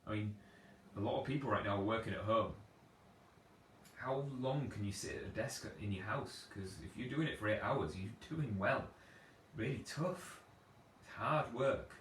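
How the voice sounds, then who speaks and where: Male personal trainer, lowish voice, loose and chatty and self-deprecating, recorded off-mic in a roomy space with faint hiss. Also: moderate pace, fairly bright tone. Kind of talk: casual live Q&A advice. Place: at home on a sofa. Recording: echoey room, distant from mic, faint background noise.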